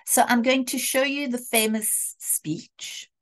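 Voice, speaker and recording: A woman's voice: a little high, steady tone, fairly bright tone. A woman literature lecturer giving a talk over a video call, reading and acting out passages of a play in between her explanations. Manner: slow, deliberate, acts out quoted lines. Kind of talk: lecture with dramatic readings of Shakespeare.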